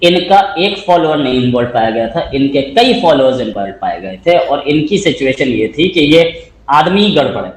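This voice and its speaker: A man with a fairly high voice talks through politics in a relaxed, conversational way. He reads viewer comments aloud and laughs easily. His voice bounces around a roomy space. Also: normal speed, slight background noise. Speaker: co-host of a political talk show. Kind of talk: casual political discussion.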